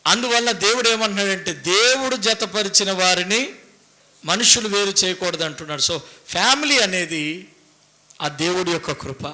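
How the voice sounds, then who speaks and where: A pastor preaching a sermon to his congregation, swinging from loud exclamations to hushed asides and repeating phrases for emphasis. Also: sits high, expressive, normal speed.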